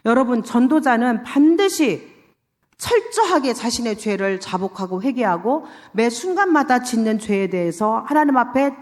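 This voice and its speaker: A pastor's wife giving a lively sermon testimony in a church, acting out her own quoted words as she tells the story. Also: fairly high pitch. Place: church sanctuary. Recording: church hall reverb, livestream.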